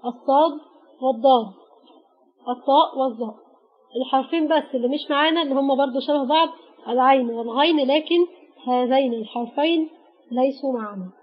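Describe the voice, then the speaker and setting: A patient grammar lesson comes from an Egyptian-accented Arabic teacher who pauses after naming each letter. Her voice sits fairly high with a husky quality, captured on a dull, lo-fi recording.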